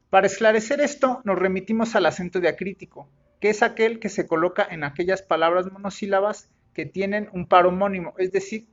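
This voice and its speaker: A man's voice: sits high, dull audio. A man teaching in a methodical, explanatory way, with occasional slips and self-corrections. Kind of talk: recorded lesson explanation.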